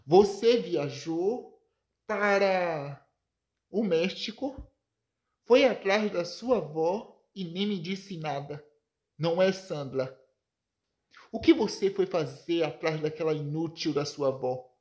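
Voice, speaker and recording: A woman's voice: lowish voice, slow pace, a little mellow. A Brazilian woman voicing a bitter middle-aged father who fires off incredulous questions. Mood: scornful.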